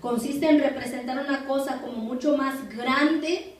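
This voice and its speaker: Woman pastor, high voice, teaching Bible study, slow and repetitive for note-taking, distant mic in a very echoey room. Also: fairly even intonation. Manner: slow, repeats phrases and spells words for note-taking. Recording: echoey room from far off, faint noise.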